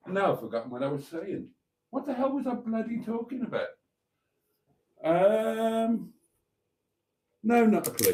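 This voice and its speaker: A British man with a mellow, soft-edged voice and a campy drag-queen delivery. He hosts a livestream in a rambling, cheeky way, tripping over himself with flustered exclamations and saucy asides. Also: medium pitch. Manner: flustered, self-interrupting, sweary. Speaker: host of an after-party livestream.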